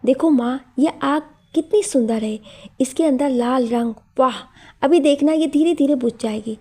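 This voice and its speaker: A woman's voice: high-pitched, moderate pace, dark tone, husky. A woman voicing a frightened young boy who is haunted by dreams, speaking in a pleading, tearful way. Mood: excited.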